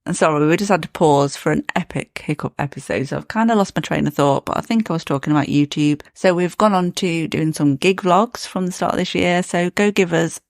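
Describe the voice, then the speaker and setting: Gravelly-voiced chatty podcast co-host. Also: mid-range voice, a little fast, few pauses, dry recording, studio quality. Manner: chatty, laughs often. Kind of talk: casual chat.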